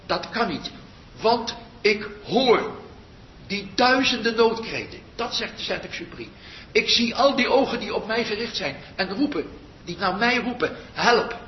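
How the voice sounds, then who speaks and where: An older man, a meditation teacher, giving a slow reflective spiritual talk that pauses often and trails off softly. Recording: muffled roomy recording with faint rumble.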